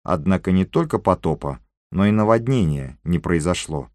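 A man voicing an excitable, talkative Frenchman in an audiobook, speaking with animated emphasis. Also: low-pitched, normal speed, dry recording. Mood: lively.

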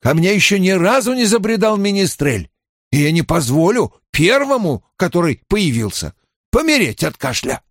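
A stern, weary grey-haired old woman, as a male narrator puts her on, pitched well above his own voice and rising and falling with lively swings. She sounds tired and guarded, heard on a dry, close recording in an audiobook. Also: normal speed, dry recording, exaggerated voice. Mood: scolding. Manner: scolding then tired and guarded. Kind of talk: audiobook character voice.

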